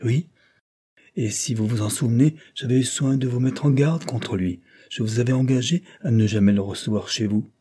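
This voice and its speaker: A man's voice: mid-range voice, moderate pace, warm tone, husky, natural voice. A man reading an audiobook plays a stern older aristocrat, the count, who lectures and reproaches in a severe tone. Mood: reproachful.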